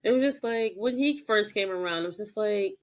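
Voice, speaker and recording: A woman's voice: medium pitch, fairly quick. A woman co-hosting a podcast, recapping a TV episode in casual chat and acting out lines with plenty of swearing. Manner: animated retelling with acted-out quotes, profane. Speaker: podcast co-host.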